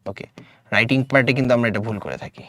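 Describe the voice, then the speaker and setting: A man's voice: mid-range voice, quick pace, fairly bright tone, a little hiss or hum. A man with a Bangladeshi Bengali accent teaching an online grammar lesson in a casual way, often checking if students follow. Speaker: English teacher.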